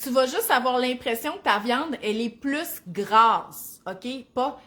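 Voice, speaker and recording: A woman in her thirties with a Saguenay Quebec French accent, chatting casually to viewers, laughing easily and filling pauses. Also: on the high side, lively intonation. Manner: chatty, warm-hearted, laughs easily, many fillers. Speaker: family lifestyle vlogger.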